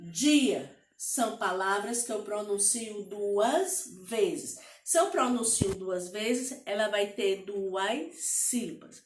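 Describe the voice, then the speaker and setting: Brazilian woman teacher, children's lesson, very slow, spells out syllables, echoey room. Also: on the high side, a bit bright, far from the mic. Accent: Brazilian Portuguese.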